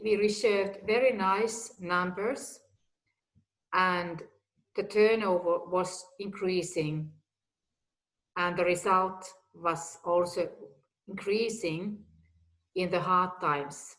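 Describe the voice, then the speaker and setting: A Finnish woman in her fifties, a guest executive whose first language is Finnish or Swedish, gives a personal talk in slow, deliberate English, placing each simple, direct phrase with care like someone who learned the language later. Her voice is a standard middle pitch for a woman, her tone steady, and the recording rough.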